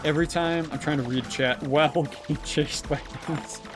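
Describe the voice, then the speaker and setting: A man's voice: a little high, fairly even intonation, moderate pace, over loud music. A man livestreaming while he plays, chatting casually with many fillers, restarts and chuckles, over a gaming stream.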